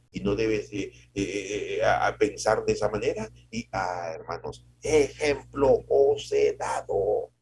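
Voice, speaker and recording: A man preaching a devotional sermon as a pastor, conversational with tag questions, moving between loud emphasis and soft asides. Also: fairly low pitch, a little hiss or hum.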